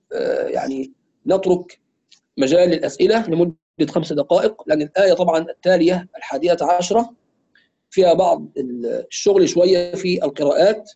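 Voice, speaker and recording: High-pitched Egyptian tajweed teacher, dull audio. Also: male voice, warm tone. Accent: Egyptian Arabic. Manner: demonstrates slow drawn-out recitation examples between explanations. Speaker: Quran recitation teacher. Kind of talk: online tajweed lesson.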